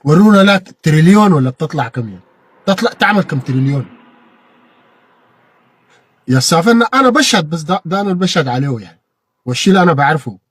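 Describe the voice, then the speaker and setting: A man with a Sudanese Arabic accent giving an impassioned political monologue, repeating phrases and bursting into shouted peaks. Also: a little high, lively intonation, rapid-fire, long pauses, husky, dry recording. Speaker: political commentator.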